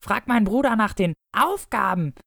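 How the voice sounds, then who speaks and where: Shrieky mocking madness spirit lady, a guy putting her on, way up high, dry sound. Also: lively intonation, moderate pace, gravelly, sharp tone, no echo, heavily acted. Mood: shrill spiteful. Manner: screeching, hissing, mocking. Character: shrill scheming female madness spirit, Death's sister.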